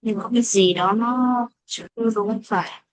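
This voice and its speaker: A woman with a Vietnamese accent teaches English pronunciation in a classroom style. She explains each point, then slows down to model example phrases carefully. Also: a little high, no room sound.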